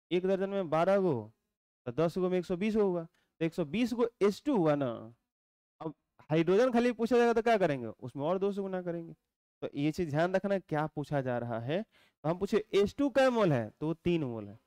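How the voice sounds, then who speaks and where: A male teacher, giving a chemistry lecture, explaining slowly and repeating points while quizzing his students. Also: sits high, a little mellow, clean tone, no room sound. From India.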